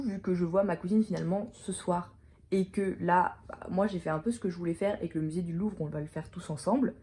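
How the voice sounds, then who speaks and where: A woman's voice: lowish voice, dark tone. A young woman vlogging in casual, rambling chat, laughing often, with a starting cold. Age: young adult. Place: hotel room. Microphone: phone camera.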